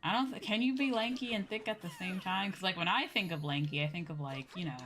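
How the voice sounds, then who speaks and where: With game music playing behind her, a woman livestreamer and VTuber host chats casually with viewers as she plays, rambling along in slang. Her voice is lowish, quick and a bit bright.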